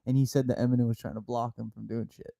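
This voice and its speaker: A man's voice: mid-range voice, level tone, fast, creaky, warm tone. A man co-hosting a casual podcast chat, laughing often, swearing freely and playing with words. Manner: laughs often, profane, playful wordplay. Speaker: podcast co-host.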